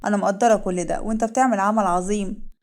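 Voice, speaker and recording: A woman's voice: mid-range voice, steady tone, rapid-fire, darkish tone, lightly acted. A woman voicing a spirited, cheeky young heroine, playful and teasing.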